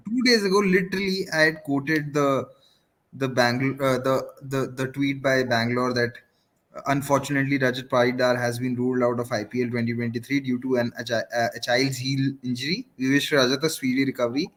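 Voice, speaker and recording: A man with an Indian accent chatting casually about sport live, haltingly and repeating his phrases. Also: medium pitch, fairly even intonation, fairly bright tone, low-quality recording. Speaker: cricket watchalong panelist.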